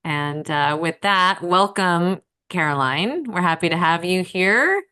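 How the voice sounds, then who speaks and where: A woman's voice: lowish voice, lively intonation, slow pace, sharp tone, clean tone. Chatty woman co-hosting a podcast. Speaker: podcast co-host. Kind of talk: casual podcast chat.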